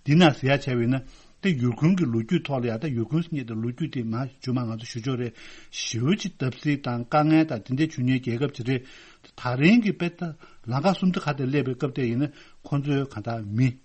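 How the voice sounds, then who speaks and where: A man speaks alone about world affairs. His husky, breathy voice sits at an ordinary pitch. His sentences run on into one another. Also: moderate pace, darkish tone. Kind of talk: solo talk on world affairs.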